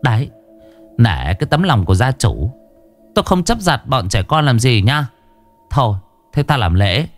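A man voicing a boastful, sharp-tongued older female shaman who talks in a shrill, bossy way. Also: sing-song, normal speed, pauses often, soft background music. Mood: grudging.

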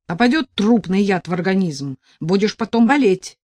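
A woman voicing a rude, bossy male thug who talks slowly and loudly in gruff threats. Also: mid-range voice, animated, dry recording, close to an everyday voice. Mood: gruff, mocking.

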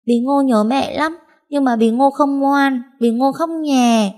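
A tiny, frightened little girl, whimpering and pleading in a thin, high storybook voice that climbs far above the narrator's own. She sounds small and clingy, her words breaking with sobs. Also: a little slow, darkish tone. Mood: meek.

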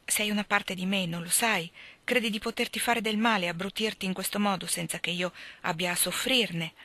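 A young wife, earnest and reproachful, as a woman reads her aloud. Her pleading comes through in a bright, tense tone. The sound is close and dry. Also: mid-range voice, fairly even intonation, fairly quick, no room sound. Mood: tender. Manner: earnest, imploring.

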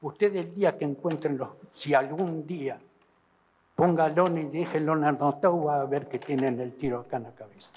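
Man giving halting testimony, Argentine accent. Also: fairly high pitch, darkish tone, slight background noise. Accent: Argentine Spanish. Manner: slow, broken, repeating himself. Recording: archival recording in a reverberant hall.

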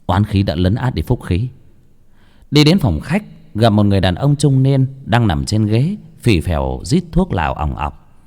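A man narrating a ghost story in a dramatic, animated way. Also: lowish voice, normal speed, long reverb tail.

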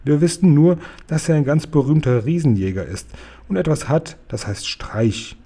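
A man's voice: a little high, moderate pace, mellow, breathy edge. A man reading a storybook aloud, voicing a friendly old giant who whispers and murmurs warily. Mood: hushed. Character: big friendly old male giant, hushed and wary.

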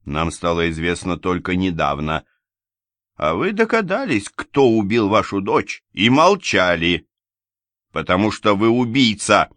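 A stern provincial investigator presses his accusations with firm, controlled insistence, played by a man. His voice is very low and the sound is dry and close. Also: lively intonation, moderate pace, fairly bright tone, no echo. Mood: accusing.

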